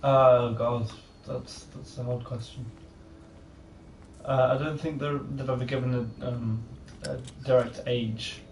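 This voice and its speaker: A man giving casual let's-play commentary, halting and restarting, repeating his words. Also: medium pitch, steady tone, vocal fry, distant mic. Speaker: co-host of a gaming video. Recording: roomy, off-mic, faint noise.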